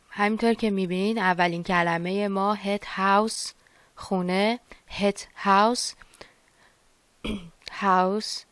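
Female language teacher, patient, repeats words; smooth, resonant voice, close dry mic. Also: medium pitch, dry recording. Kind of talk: online language lesson.

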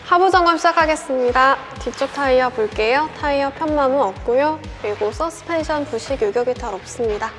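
A woman's voice: sits high, a little fast, hardly any pauses, a bit bright. A young woman giving a methodical, polite scripted car walkaround as a sales presenter, over background music. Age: young adult. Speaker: used car dealership presenter. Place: large indoor car showroom, car interior and garage.

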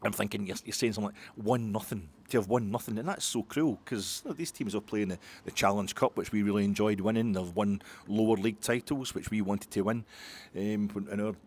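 Rambling fast-talking Scottish man. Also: fairly low pitch, a little mellow. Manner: rambling, self-interrupting with many restarts and sighs. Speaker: podcast host. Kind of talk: post-match football chat.

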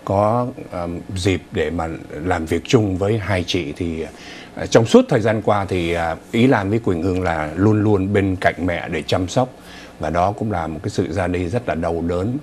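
A man's voice: sits low, normal speed, darkish tone, a little hiss or hum. A middle-aged man hosting a studio news talk show, speaking with many fillers and hesitations.

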